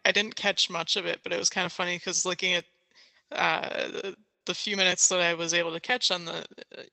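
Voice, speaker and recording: A man with a high, very bright voice chats slowly and casually as a podcast co-host. His voice has a gravelly, fry-laden edge. The sound is dry, with a faint long reverb. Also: level tone.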